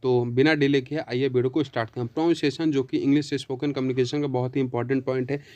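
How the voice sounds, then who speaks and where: A man teaching pronunciation, who addresses viewers as friends and reads English sentences slowly, word by word. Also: mid-range voice, flat delivery, darkish tone, no room sound. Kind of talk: spoken pronunciation lesson.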